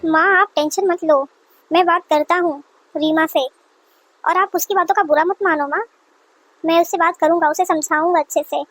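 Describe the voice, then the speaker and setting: A woman's voice: very high-pitched, fairly even intonation, normal speed, fairly bright tone. A woman doing a mild young husband. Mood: soothing. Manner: soothing, mildly reproachful. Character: young adult husband, mild peacemaking son.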